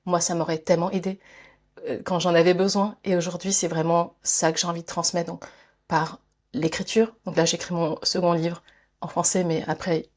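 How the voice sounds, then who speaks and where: A woman's voice: fairly low pitch, flat delivery, moderate pace. A woman from France, a guest in a conversational interview, thinking aloud with many fillers, restarts and frequent laughs. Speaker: guest, author and speaker.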